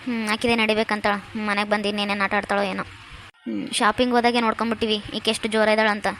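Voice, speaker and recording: A woman's voice: mid-range voice, little pitch movement, quick pace, fairly bright tone, a little hiss or hum, lightly acted. A woman voicing a scheming middle-aged mother-in-law in a cartoon, muttering sly grumbling asides. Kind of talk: cartoon voice acting.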